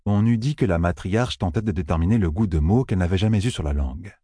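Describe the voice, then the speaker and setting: Male audiobook narrator, deep, husky, dry close sound. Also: fast, dark tone, dry recording. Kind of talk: scripted fantasy narration.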